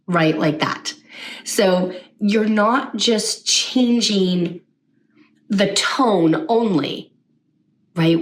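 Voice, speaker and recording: A woman coach talks with lively, high energy in a chatty teaching style, often checking in with a quick "right?". Her voice sits at a middling pitch and sounds a little distant from the microphone. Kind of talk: teaching to camera.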